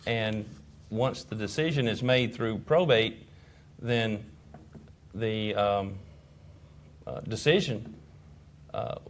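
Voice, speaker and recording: A man as a talk show guest, answering in a measured way with some hesitation. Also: on the low side. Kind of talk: casual interview.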